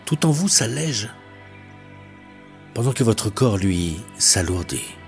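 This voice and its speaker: Male hypnotherapist, low voice, slow detached hypnotic delivery over faint background music. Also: very animated. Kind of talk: guided hypnosis session. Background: soft music.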